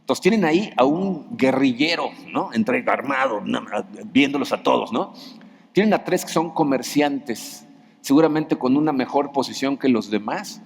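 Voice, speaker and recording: A man's voice: medium pitch, expressive, moderate pace, gravelly, husky. A middle-aged man with a Mexican Spanish accent preaching a sermon in a conversational way, often asking the congregation questions. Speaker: pastor. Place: large church hall. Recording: long hall reverb.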